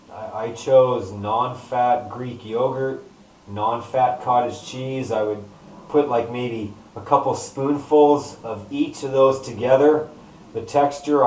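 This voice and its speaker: A man's voice: mid-range voice, a little mellow. Male vlogger, everyday conversational delivery in broken phrases, echoey distant sound. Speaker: vlogger recounting own surgery recovery. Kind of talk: casual first-person health vlog talk. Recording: roomy echo, distant microphone.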